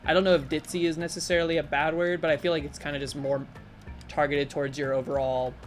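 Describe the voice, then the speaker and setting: A woman live-streaming, chatting casually with her viewers in a rambling, animated way full of fillers. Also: fast talker, soft background music. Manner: animated, with sudden jumps in pitch. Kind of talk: casual live-stream chat while gaming and reading chat.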